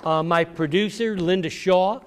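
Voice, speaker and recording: Against a noisy background, a man whose voice sits high speaks at a measured pace. He's a visiting author giving an educational talk to a group of children in a public library room, talking directly to them and repeating questions and key phrases.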